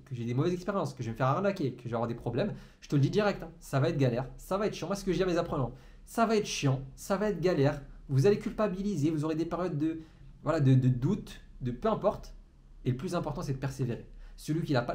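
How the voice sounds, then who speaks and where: A man in a room gives a motivational talk straight to the camera, his voice sitting a touch high. He rushes through his points at great speed and trips over words, restarting and repeating himself as he goes. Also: mellow. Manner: fast talker who stumbles and repeats words. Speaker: entrepreneurship trainer. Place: room, indoors. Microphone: camera in front of him.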